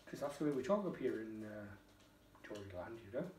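Fairly quick and expressive, with a low, slightly mellow voice, a middle-aged Geordie man reviews a beer at home in a casual, wry way, dropping the odd swear. The camera sits across the kitchen table, so his voice comes from a distance in the roomy room.

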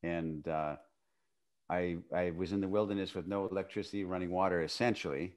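A man in his fifties from northwestern Canada appears as a guest on a video-call podcast, speaking from a room at home into a boom-arm studio mic. He tells his story fairly quickly and in a relaxed, conversational way, laughing often and letting phrases trail off into a quiet, low voice.

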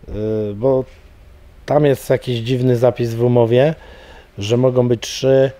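Man, middle-aged, MMA coach, rambling, repeats himself, warm low tone, dry studio sound. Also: level tone, a little slow, dry recording. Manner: rambling, many fillers and repeated words. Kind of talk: casual interview talk. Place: studio with banner backdrop.

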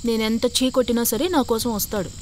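A woman's voice: a little high, brisk, slight background noise, natural voice. An actress playing a defiant young woman set against a forced marriage, in film dialogue. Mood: determined. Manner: defiant, pleading. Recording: film soundtrack with music underneath.

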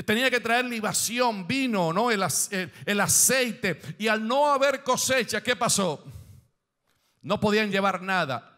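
A man's voice: high voice, sharp tone. A man preaching a sermon as pastor, reading scripture aloud and explaining it, with rising questions and phrases that lift into song.

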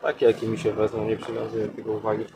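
By a canal, a young angler casually walks viewers through his fishing gear one step at a time, with nature sounds and outdoor noise behind him. He talks quickly in a lowish, creaky, completely flat voice.

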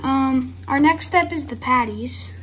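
A woman's voice: high voice, measured pace, a loud crowd. A young woman filming and narrating a home cooking vlog, teasing her siblings as she goes. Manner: teasing, playful. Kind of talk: casual kitchen vlog narration. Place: home kitchen. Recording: noisy kitchen with sizzling pan.

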